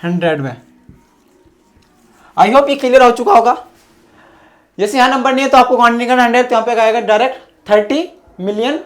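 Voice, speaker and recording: Woman, maths teacher, step-by-step explaining, fairly high voice. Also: a little fast, pauses often. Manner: explains step by step, often checks with "clear?". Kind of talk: classroom-style math lesson.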